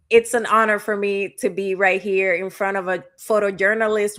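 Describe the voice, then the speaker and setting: A woman's voice: mid-range voice, a bit bright. A woman hosting an online interview show over a video call, upbeat and effusive with praise. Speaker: host and company founder.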